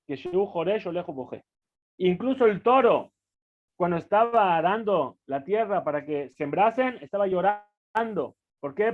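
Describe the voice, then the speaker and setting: A man teaching a Talmud lesson, reading phrases aloud and then explaining them, with frequent restarts and rhetorical questions. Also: on the high side. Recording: phone-like narrow audio.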